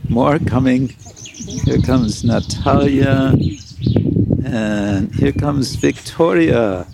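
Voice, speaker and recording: A man speaks very slowly and calmly, welcoming disciples as their spiritual teacher. His voice is gravelly. The recording is noisy, with birdsong around him outdoors. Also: medium pitch. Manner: slow, calm, welcoming. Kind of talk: casual talk with disciples.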